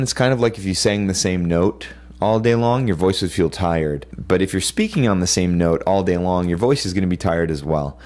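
A man's voice: sits low, a little mellow. A man who teaches voice, giving a recorded lecture to students with plain, practical advice and frequent fillers.

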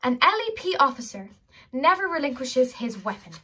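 A woman's voice: sits high, very animated, moderate pace, sharp tone, far from the mic, a little hiss or hum, full character voice. A woman voicing a nervous, self-important young male elf officer who talks in a flustered way.

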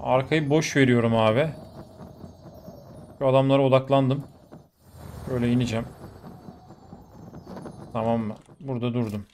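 Excitable man commentating a shooter game. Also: medium pitch, normal speed, long pauses. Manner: excitable, swears and exclaims mid-fight. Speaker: gaming YouTuber. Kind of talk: live gameplay commentary. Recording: faint game noise behind. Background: gunfire from the game.

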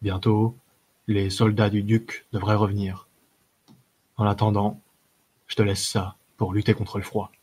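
A man's voice: fairly low pitch, level tone, a little slow, pauses often, a little mellow, slightly rough. A man growling as a grim wounded warrior. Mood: low, stern. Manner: growled, terse. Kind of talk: audiobook character voice.

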